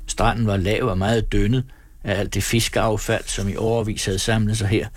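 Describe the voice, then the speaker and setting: A man narrating an audiobook in a steady storytelling read. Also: lowish voice, dry recording. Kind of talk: scripted narration.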